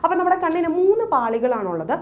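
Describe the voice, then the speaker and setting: A woman teacher giving an online biology class with a Malayalam accent, asking quick questions and answering them herself, repeating key terms and mixing in English words. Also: very high-pitched, big pitch swings. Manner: quick, call-and-response questioning. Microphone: drawing on a screen while talking.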